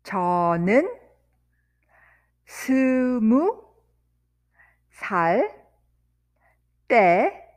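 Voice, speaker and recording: A woman teaching vocabulary, saying each word slowly and deliberately, repeating words and sentences one piece at a time. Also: on the high side, sing-song. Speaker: language teacher. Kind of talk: vocabulary lesson with repetition.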